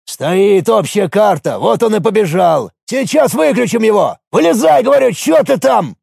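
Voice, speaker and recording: A man's voice: high voice, animated, unhurried, vocal fry, darkish tone, breathy edge, dry recording, studio quality, voice pushed up, full character voice. A man reading an audiobook, voicing an impatient local guard who barks orders. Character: gruff male local guard, bossy.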